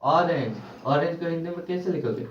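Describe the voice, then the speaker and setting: A man's voice: a little high, a little fast, distant mic, slight background noise. Man, teacher, repeats every question, echoey room, mic set back, dull lo-fi sound. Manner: repeats questions and answers them himself, drilling. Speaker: English grammar teacher. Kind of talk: classroom lecture.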